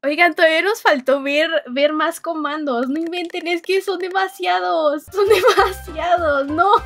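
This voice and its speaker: A woman giving excitable gameplay commentary, laughing often and bursting into exclamations. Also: very high voice, measured pace, music in the background. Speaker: gaming video host.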